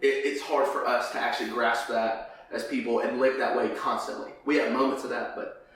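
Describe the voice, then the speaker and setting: A man's voice: medium pitch, a little fast. A man with a lisp and whistling s sounds, chatting casually and jokily about faith as a podcast host, often acting out imagined lines. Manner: animated, jokey, acts out imagined dialogue. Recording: echoey room, distant mic, faint noise.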